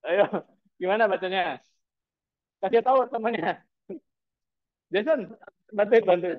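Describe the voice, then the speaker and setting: A man's voice: high voice, normal speed. A man lecturing a university class, prodding students with repeated teasing questions. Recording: tinny phone-like sound.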